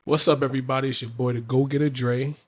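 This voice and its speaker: A man's voice: mid-range voice, fairly even intonation, fast talker, noisy background. A young man hosting a casual podcast, joking around with his friends. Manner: playful, introduces the show and jokes with friends. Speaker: podcast host. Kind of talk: casual chat.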